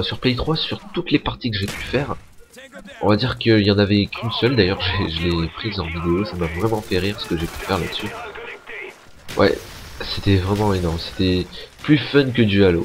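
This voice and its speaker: Low-voiced young man rambling over gameplay. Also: background noise. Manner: casual, rambling, swears often. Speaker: gaming YouTuber. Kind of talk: gameplay commentary.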